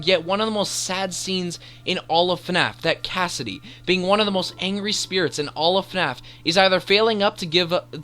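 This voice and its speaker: The host of this video essay has a high, sharp-toned male voice. He narrates a scripted countdown dramatically and with enthusiasm, in a voice-over accompanied by music.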